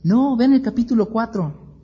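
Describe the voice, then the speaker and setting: A man teaching a Bible class, telling the story in an animated way, acting out voices and asking the class rhetorical questions. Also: extremely high pitch, normal speed, slightly rough, lo-fi sound.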